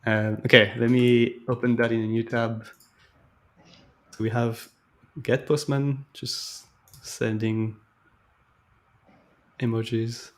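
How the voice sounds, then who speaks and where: A man's voice: mid-range voice, level tone, slow pace, long pauses. A man hosting a live stream, casually walking through code and thinking aloud in a tentative, chatty way over a video call. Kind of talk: casual coding walkthrough.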